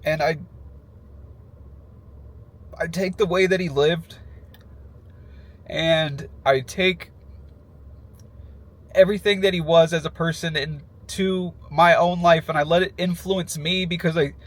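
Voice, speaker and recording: A man speaking casually and emotionally in a heartfelt personal tribute, halting as he goes, sad in his farewell. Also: high-pitched, fairly bright tone. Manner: emotional, halting, with nervous little laughs breaking into phrases.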